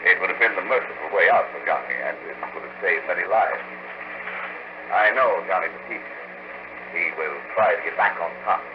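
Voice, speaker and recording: An actor playing a smooth, menacing male gangster boss in a 1940s radio drama, suave and threatening, heard on an old wire recording. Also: sits low, normal speed, highs cut off, noisy background.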